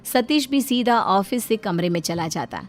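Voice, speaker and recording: A woman narrating a family drama story in a low, steady storytelling voice. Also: normal speed.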